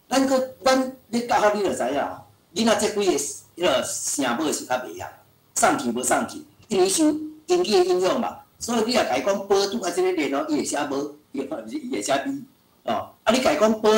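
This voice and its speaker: A man's voice: sits high, vocal fry. A male lecturer giving an online language lesson in a chatty way, full of filler sounds. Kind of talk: online teaching talk. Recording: roomy echo.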